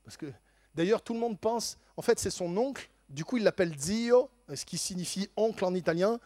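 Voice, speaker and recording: A man telling a lively faith testimony in an animated way, laughing often and stammering into quick repeats. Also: sits high, dry recording, clean studio sound.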